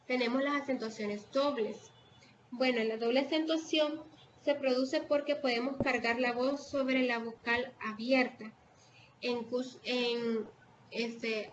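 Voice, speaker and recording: A woman with a Salvadoran accent teaching an online class, hesitating with fillers and restarts as she explains. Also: sits high. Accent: Salvadoran Spanish. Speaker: online tutor. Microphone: video call. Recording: dull lo-fi video call audio with faint noise.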